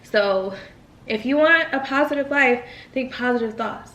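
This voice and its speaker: A woman's voice: sits high, measured pace, a bit bright, highs cut off. Encouraging young woman in an echoey room. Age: 20s. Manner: encouraging, preachy, addresses viewers as y'all. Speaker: vlogger. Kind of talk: casual mukbang talk to camera. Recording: echoey room, far from mic.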